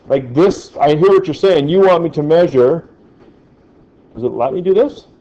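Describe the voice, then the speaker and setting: A male teacher with a fairly high, expressive voice lectures at normal speed, joking with his class and checking in with "right?" again and again. The echoey classroom recording sounds dull and lo-fi.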